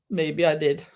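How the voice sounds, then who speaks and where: Broadcasting live from home in Spain, a middle-aged crochet host chats casually, laughs often, and reads out viewer comments. She has a low, somewhat mellow voice.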